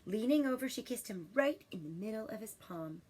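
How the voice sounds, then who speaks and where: A woman teacher reading a children's story expressively and pausing to ask questions in a deliberate, instructive manner. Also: a little high, lively intonation, a little mellow, breathy edge, poor audio.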